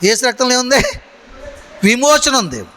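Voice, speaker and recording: Pastor preaching, high bright voice, keeps quizzing the crowd, big echo. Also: male voice, big pitch swings, moderate pace. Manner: call-and-response preaching, questioning the congregation. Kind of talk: sermon. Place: church hall. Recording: long hall reverb.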